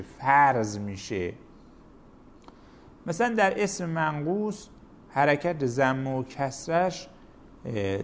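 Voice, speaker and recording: A man's voice: fairly high pitch, a little hiss or hum. A man teaching a grammar lesson, explaining rules step by step with examples.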